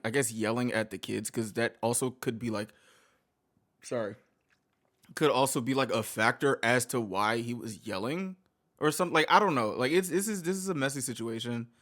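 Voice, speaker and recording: A man's voice: medium pitch, a bit bright. Heated, rambling man reacting on camera. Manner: rambling, heated, swears often, many fillers and restarts. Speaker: reaction video host. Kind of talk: casual reaction commentary.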